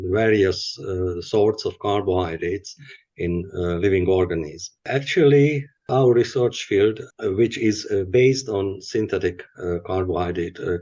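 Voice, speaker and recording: Older Hungarian man, halting and low. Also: darkish tone. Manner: halting, many filler pauses. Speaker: chemistry professor guest. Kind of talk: podcast interview. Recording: muffled lo-fi audio.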